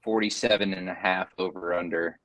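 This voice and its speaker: Male podcast host on a video call, low voice, deadpan teasing, no room echo. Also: brisk. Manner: dry, teasing, reads betting lines. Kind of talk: casual sports podcast chat.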